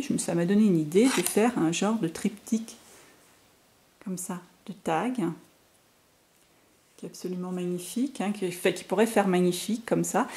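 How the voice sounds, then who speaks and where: A French woman with a soft, mellow voice chats to her viewers about craft supplies. She is eager and rambling, full of little fillers and restarts, at an everyday middle pitch. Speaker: scrapbooking haul vlogger. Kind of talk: casual product haul talk to viewers.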